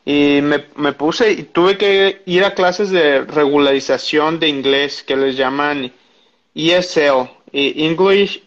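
A man recounting his experience in casual conversation, hesitant with frequent pauses and restarts. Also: fairly high pitch, highs cut off. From Mexico. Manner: hesitant, many fillers and restarts.

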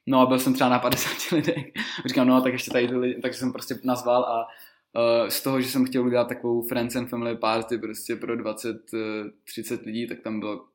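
A man chats casually as a podcast guest. He rambles through his stories, laughs easily and leans on fillers. His pitch sits in the middle of the male range. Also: monotone. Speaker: guest rapper. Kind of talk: casual storytelling.

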